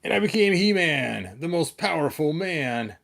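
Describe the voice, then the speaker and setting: A man's voice: on the high side, sing-song, normal speed, vocal fry, a bit bright, voice pushed up, exaggerated voice. Man doing He-Man, a grandiose storybook hero. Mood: proud, triumphant. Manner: grandiose, declamatory. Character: heroic muscular male storybook champion, proudly proclaiming.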